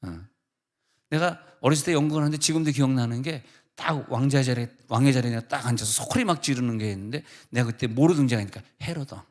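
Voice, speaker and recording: A middle-aged male pastor preaches in a church, speaking at a mid pitch. He tells stories in a loose, joking way and asks the congregation questions as he goes. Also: fast talker, a little mellow. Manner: casual, humorous storytelling. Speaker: senior pastor. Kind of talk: sermon.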